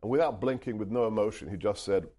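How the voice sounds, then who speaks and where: A middle-aged man brought up in the UK who speaks Hungarian, appearing as an author and guest. His voice is on the low side, fast and warm. He tells stories and answers interview questions in an earnest, emphatic way, often restarting his phrases.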